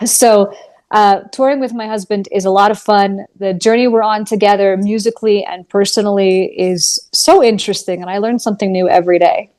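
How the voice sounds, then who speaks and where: A woman's voice: medium pitch, steady tone, brisk, a little mellow. A woman in her thirties, a musician guest, talking earnestly and thoughtfully in a casual interview.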